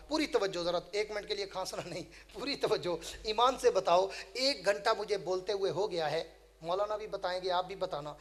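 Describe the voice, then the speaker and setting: A man preacher delivering a sermon in rhythmic, repetitive oratory, firing rhetorical questions at the gathering and chanting recited verses. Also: sits high. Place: public religious gathering.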